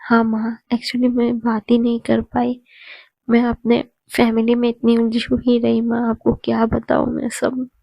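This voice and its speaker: A woman's voice: a little high, completely flat delivery, unhurried, creaky, mellow, no echo. A woman voicing a distressed young woman who talks to her mother in an anxious, pleading way. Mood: upset.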